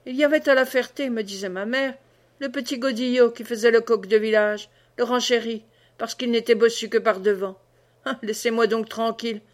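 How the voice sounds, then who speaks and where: A woman voicing a sharp-tongued, scornful peasant mother who scolds quickly. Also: fairly high pitch, fairly even intonation, natural voice.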